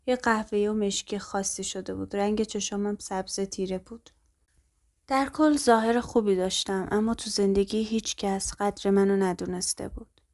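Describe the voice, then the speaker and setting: A woman narrating a first-person story aloud in a calm, even, scripted way. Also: medium pitch.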